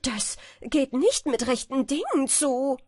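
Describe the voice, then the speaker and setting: A woman's voice: high-pitched, sing-song, takes it slowly, dry recording, studio quality, voice pushed up, full character voice. A woman doing a hot-tempered hare. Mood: indignant. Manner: loud, indignant.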